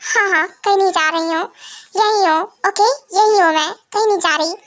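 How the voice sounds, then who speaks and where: A woman's voice: very high-pitched, fairly quick, a bit bright. A woman voicing a caring vampire mother who soothes and scolds her son in a fan voice drama. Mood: soothing.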